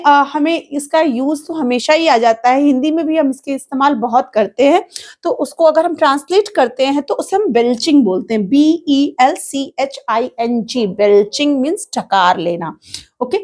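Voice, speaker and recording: A woman teaching English vocabulary in Hindi, spelling each word out slowly letter by letter and checking in with "ok" and "theek hai". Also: high-pitched. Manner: explains in Hindi with English words mixed in. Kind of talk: spoken English vocabulary lesson.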